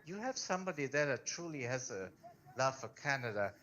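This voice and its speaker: A man's voice: medium pitch, sing-song, brisk, sharp tone, muffled recording. A man hosts a casual live stream, rambling and tripping over repeated words as he talks. Faint noise sits under his voice.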